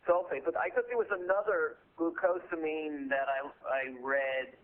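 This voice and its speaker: A man's voice: on the high side, fairly even intonation, moderate pace. Male caller, rambling casual chat, thin tinny phone line that sounds like a tunnel. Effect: hollow phone line that sounds like a tunnel. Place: his living room.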